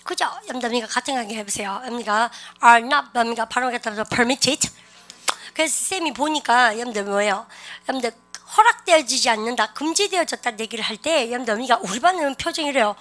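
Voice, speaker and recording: A woman teaches an online English grammar lecture, animated and coaxing her students to repeat example sentences aloud. She speaks a little high and at a quick pace.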